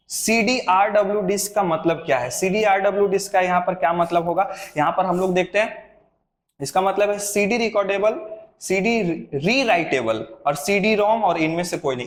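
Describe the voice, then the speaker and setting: A man's voice: sits high, reverberant. A male computer teacher leading an exam-prep lesson, explaining step by step, repeating the answers and asking rhetorical questions.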